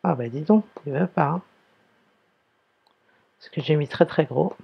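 A primary school teacher giving a slow, careful reading lesson to young pupils, sounding out and spelling words one by one. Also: mid-range voice, gravelly, husky, dull audio.

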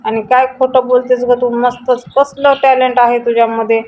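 A woman voicing a scheming, sharp-tongued female office boss who taunts and mocks. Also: on the high side, level tone, normal speed, slight background noise, natural voice. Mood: mocking. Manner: taunting, mocking. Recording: dull lo-fi audio.

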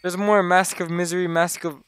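A young man casually commenting while he plays, excitable and talking straight to his viewers, often exclaiming in surprise. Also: high-pitched, moderate pace, clear, resonant tone. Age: young adult. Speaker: gaming YouTuber. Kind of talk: casual Let's Play commentary.

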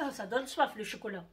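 A French woman with a fairly high voice casually shows off her shopping haul, chatting straight to her viewers and often ending sentences with "hein." Heavy background noise fills the recording.

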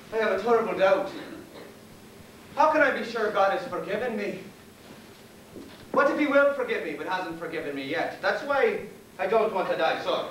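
A fawning, jittery Irish convict hangman, played by an actor on stage, rambles and pleads in a high, bright voice, saying sir at every turn. He sounds distant and echoey in a theater, with a faint hiss. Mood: pleading. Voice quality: wheedling, deferential, endlessly says sir. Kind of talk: live stage play acting.

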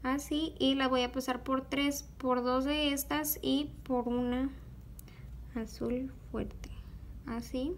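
A young woman with a high voice walks viewers through a beading project step by step. She talks slowly and patiently, pausing on fillers while her hands work. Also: steady tone, slight background noise. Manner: slow, patient, with many fillers like "este". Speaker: beadwork tutorial host. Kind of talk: step-by-step craft tutorial.

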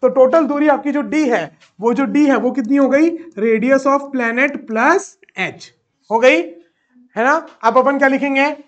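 Guy teaching physics, keeps asking then answering himself, goes real slow when dictating. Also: very high-pitched, fairly bright tone, muffled recording. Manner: coaxing, repeats questions and answers them himself; slows right down when dictating. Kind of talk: classroom physics lecture.

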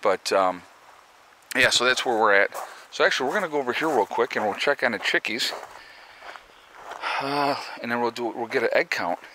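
Walking around his rural property with a camera in hand, a Northeastern American man talks through a rambling walk-and-talk vlog, restarting often and leaning on fillers. He speaks at medium pitch and a moderate pace with long pauses, and background noise is audible.

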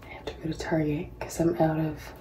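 A woman in her twenties, a professional tennis player from Hawaii, whispers fairly quickly in a low, dark, monotone voice while vlogging from a small bathroom as she gets ready. Her chat is casual, rambling, and self-mocking. It's captured roughly and reverberantly by the built-in mic of a laptop or phone held close.

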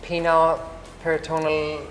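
In a casual interview, a low-voiced, talkative woman from Iceland delivers her words completely flat at a moderate pace, with lots of fillers and restarts. She wears a lapel mic in a big, bright hall with wood screens; there's roomy echo and faint ambience, and she speaks over loud music.

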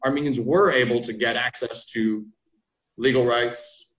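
A man's voice: medium pitch, fairly even intonation, measured pace, a bit bright. A man speaking as a historian guest on a video call from a home room, thoughtful and explanatory, often ending points with "right?". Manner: thoughtful, restarts phrases, frequent "right?" tags. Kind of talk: academic discussion on a video call. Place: home room with framed pictures. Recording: roomy video call audio.

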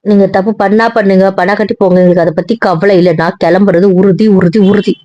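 A woman's voice: mid-range voice, fairly even intonation, a little fast, no echo, lo-fi sound, close to an everyday voice. A woman playing a stern young wife who is fed up and scolding firmly. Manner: firm, scolding, clipped. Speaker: angry wife in audio drama. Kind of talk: Tamil audio drama acting.

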